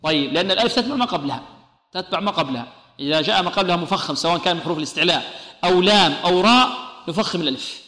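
A man with a bright, forceful voice leads a recitation lesson, posing questions and answering them himself. He stretches words out slowly when he shows how they are pronounced. The sound rings through a roomy hall with a long reverb tail. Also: high voice, lively intonation. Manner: slow drawn-out demonstration of sounds. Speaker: Quran recitation teacher. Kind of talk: tajweed lesson.

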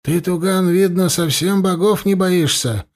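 A man's voice: mid-range voice, sing-song, moderate pace, mellow. A man voicing Hasta, an earnest, worried young priest.

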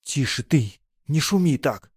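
A male narrator voices a young blacksmith apprentice, pitching him slightly higher than his own voice, hushed and clipped as he brushes others off in short, hard phrases, a cold, terse, harsh rebuff. The delivery is expressive, unhurried and slightly rough. The recording is dry and close.

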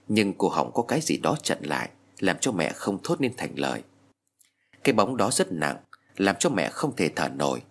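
A man with a low, husky voice tells a horror story, his pitch rising and falling with lively emphasis. Faint music plays underneath the narration.

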